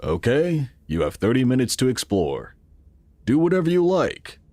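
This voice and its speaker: For a sci-fi audio drama, a man acts as the calm, earnest founder of a futuristic city, giving explanations in a formal, measured delivery. The pitch is medium, there's no echo, and the mood is instructive.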